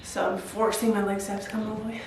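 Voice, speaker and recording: A woman's voice: medium pitch, level tone, fast talker, far from the mic. A woman talking casually and informally to the camera and her partner as a home workout vlogger, giggly and free with swearing. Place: indoors at home, echoey room. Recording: very echoey room, off-mic, faint hiss.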